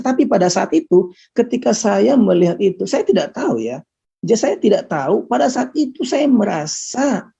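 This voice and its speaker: Gravelly, earnest man testifying. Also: high voice, mellow. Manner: earnest, halting, repeats and restarts words. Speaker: guest giving a testimony. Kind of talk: personal testimony, casual storytelling. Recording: muffled lo-fi recording.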